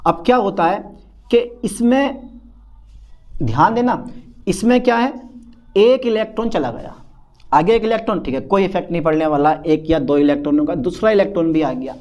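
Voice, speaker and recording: A man's voice: high-pitched, normal speed, long pauses, darkish tone, muffled recording. A male chemistry teacher, lecturing a class with lots of repetition and questions to his students. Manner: repetitive, calls students beta, answers himself as student.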